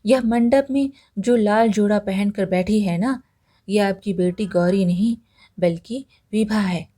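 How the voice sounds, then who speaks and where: Determined young woodcutter, urgent and loyal, voiced by a woman storyteller, warm tone. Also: mid-range voice, a little slow, natural voice. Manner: urgent, pleading.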